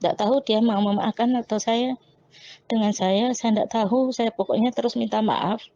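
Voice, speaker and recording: A woman's voice: a little high, steady tone, normal speed, warm tone. A woman, telling a personal testimony with quoted dialogue and frequent restarts. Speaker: testimony speaker. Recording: dull lo-fi recording.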